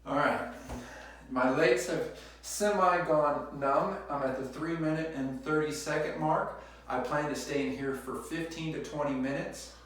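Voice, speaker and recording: A man vlogging casually to camera in a halting, explanatory way, recorded on a phone set up in a small room. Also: a little high, a bit bright, a little hiss or hum. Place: small indoor bathroom, sitting in a tub. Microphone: phone set up away from him. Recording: very echoey room, distant phone mic.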